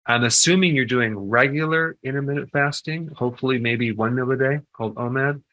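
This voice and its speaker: With a brisk, sharp, mid-range voice, an older man from the United States gives health advice in an informal talk. He keeps it conversational, frequently stopping to ask "okay?", and the recording is rough.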